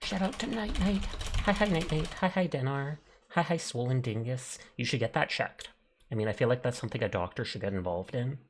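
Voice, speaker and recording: A man's voice: mid-range voice, a little fast, slight background noise. Playful male streamer over faint keyboard clatter. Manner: chatty, playful, wry. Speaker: live streamer, host. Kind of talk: casual livestream chat while gaming.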